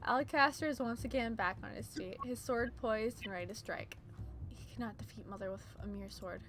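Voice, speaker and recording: A woman's voice: a little high, brisk, a bit bright, faint music behind. A woman reading a visual novel as its narrator, mixing dramatic storytelling with casual commentary.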